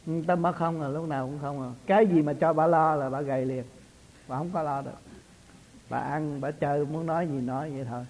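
A man's voice: a little high, fairly even intonation, brisk, a little mellow, poor audio. A man, a spiritual teacher talking casually in a folksy, storytelling way and laughing often. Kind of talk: casual religious talk.

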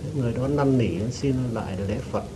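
A man respectfully telling his teacher a story he witnessed, in a hesitant, halting way, with frequent restarts and throat-clearing. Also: medium pitch, mellow. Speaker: devotee giving testimony. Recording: noisy recording with rain behind.

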